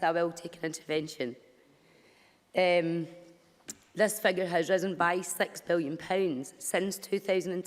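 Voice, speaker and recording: Slightly croaky woman debating in parliament. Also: fairly low pitch. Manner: firm, argumentative. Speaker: member of parliament. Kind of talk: parliamentary speech. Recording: long reverb of a debating chamber.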